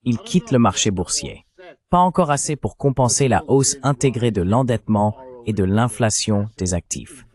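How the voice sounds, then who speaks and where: Lowish, darkish and expressive, this AI-generated man's voice moves at a moderate pace through translated political commentary. It's a synthetic voice-over of a panel discussion delivered in an explanatory, rhetorical way.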